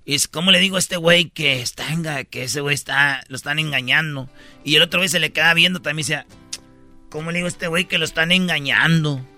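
A man with a Mexican accent tells jokes on the radio in fast, slangy speech, laughing and acting out his characters. His voice is high, gravelly and very bright. A faint music bed plays under him. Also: no room sound. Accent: Mexican Spanish. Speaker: radio comedy host. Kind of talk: joke telling on radio.

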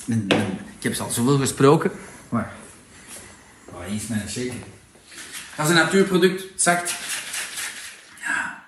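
A man with a Flemish accent presenting products in a casual, persuasive sales pitch, full of tag questions. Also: fairly bright tone, reverberant, slight background noise.

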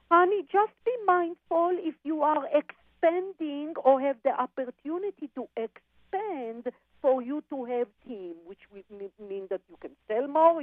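A woman psychic medium heard over a phone line on a radio show, calling listeners darling and honey and pausing on fillers. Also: fairly high pitch, no room sound. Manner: calls people darling and honey, halting with fillers. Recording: tinny dry phone line.

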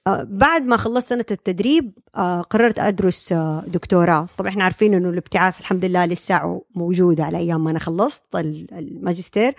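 A young woman talks quickly and explains her field as a guest, with fillers and restarts and English terms mixed in. The sound is dry and close. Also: on the low side, gravelly, no echo. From Saudi Arabia. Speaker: speech-language pathologist guest. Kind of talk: casual podcast interview.

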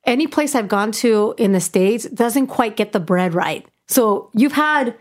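A young woman from Puebla, Mexico, hosting a podcast in casual interview chat, enthusiastic and quick to laugh. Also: fairly high pitch, animated. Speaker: podcast host.

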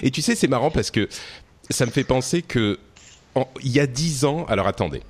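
A man's voice: mid-range voice, expressive, a little fast, slightly rough. A middle-aged man hosting a podcast in casual chat, talking freely with his co-hosts and reminiscing. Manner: chatty, playing old clips and reminiscing. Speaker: podcast host.

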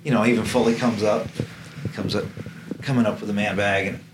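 A man's voice: lowish voice, fairly even intonation, a little fast, background noise. A man, a putting coach, telling stories in casual chat and acting out what others said. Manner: anecdotal, acts out quotes, laughs often.

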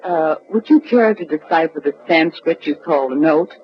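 A woman's voice: sits low, normal speed, lightly acted. Benita, sassy sultry nightclub singer played by a woman. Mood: cool, teasing. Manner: flippant, teasing, cool. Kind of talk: 1940s-50s radio noir acting. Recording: muffled old radio recording, music behind.

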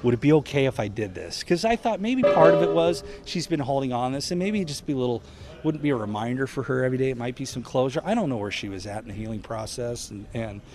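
A man who is a police sergeant, casually retelling a story in an interview, halting and reflective. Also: mid-range voice, lively intonation, over music.

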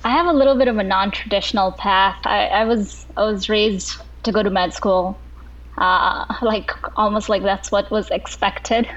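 A woman's voice: medium pitch, fairly even intonation, moderate pace, fairly bright tone. Reflective woman filmmaker, lo-fi audio. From Kuwait. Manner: reflective, frequent restarts. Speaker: filmmaker panelist. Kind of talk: panel discussion answer. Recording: slightly dull lo-fi audio.

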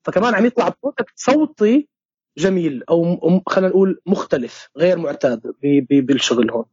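Fast, husky Syrian man from Homs. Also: on the high side, lively intonation, darkish tone, no room sound. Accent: Syrian Arabic, Homs. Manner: halting, many restarts, slips into English words. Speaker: playwright and theatre director. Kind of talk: conversational interview answer. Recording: dull lo-fi sound.

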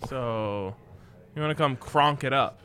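A man's voice: mid-range voice, measured pace, sharp tone. A man co-hosting a sports betting podcast, wisecracking in casual banter. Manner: wisecracking, playful.

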